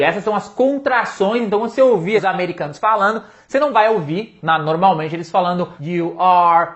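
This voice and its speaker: A man with a Brazilian Portuguese accent giving a casual, energetic online English lesson, playful and full of hype. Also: high voice. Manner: energetic, playful, hypes his materials. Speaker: English teacher. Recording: slightly dull lo-fi sound.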